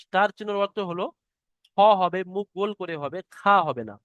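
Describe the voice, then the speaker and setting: Patient high-voiced male teacher. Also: expressive, bright, forceful tone, no echo, lo-fi sound. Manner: slow, patient, drawn-out letter demonstrations. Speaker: Arabic alphabet teacher. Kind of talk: online class lesson. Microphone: computer mic on a video call.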